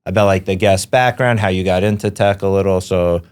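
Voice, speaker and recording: Chatty low-voiced male podcast host. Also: fairly even intonation, brisk, a little mellow, smooth. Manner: chatty, conversational, tag questions. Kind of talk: casual podcast interview.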